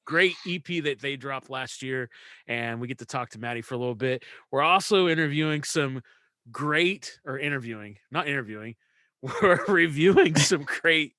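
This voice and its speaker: A man's voice: mid-range voice, animated, normal speed, bright, forceful tone, dry recording. A man from West Virginia hosting a podcast, upbeat and laughing often as he chats casually. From West Virginia, USA. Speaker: podcast host.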